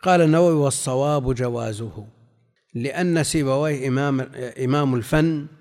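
A man's voice: mid-range voice, fairly quick, a little mellow, long reverb tail. A man teaching a classical text lesson, reading passages aloud, explaining them and putting questions to his students. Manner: reads quoted passages then explains, asks students questions.

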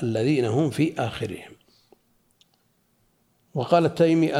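Man, religious teacher, mellow tone, slow deliberate reading, spoken asides. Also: mid-range voice, vocal fry. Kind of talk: reading and explaining a classical text.

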